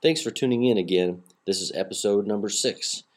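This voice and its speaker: A man hosts a solo hobby podcast, rambling casually with lots of fillers and restarts. His fairly low voice is brisk and a little nasal from a cold, captured on a laptop's built-in mic.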